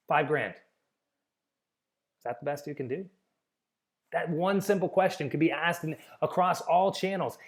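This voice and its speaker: A man giving an informal spoken lesson on negotiation, conversational, with frequent restarts and acted-out sample lines. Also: mid-range voice. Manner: conversational, repeats and restarts, acts out sample dialogue. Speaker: real estate negotiation teacher.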